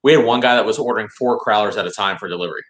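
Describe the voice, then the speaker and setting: A man who is a brewery guest on a podcast, chatting casually and telling stories with animated delivery. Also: lowish voice, racing. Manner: animated storytelling, acting out other people. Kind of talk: casual chat. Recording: roomy echo.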